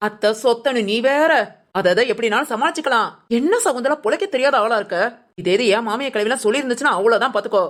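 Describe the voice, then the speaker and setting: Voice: mid-range voice, fast talker, fairly bright tone, close to an everyday voice. A performer voicing an outspoken young woman in a cartoon, blunt and scornful as she gives her friend orders. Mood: bossy. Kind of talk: cartoon family drama voice acting.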